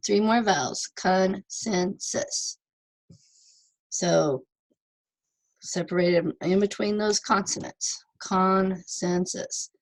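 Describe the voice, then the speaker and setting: A woman's voice: mid-range voice, low-quality recording. A woman teaching an online ESL lesson, patiently sounding out words syllable by syllable and repeating them.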